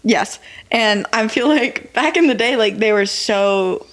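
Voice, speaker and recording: A woman's voice: fairly high pitch, unhurried, fairly bright tone. A young woman co-hosting a podcast, talking in casual chat with a hesitant, rambling flow full of "like.". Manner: rambling, hesitant, heavy use of "like". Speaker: podcast co-host.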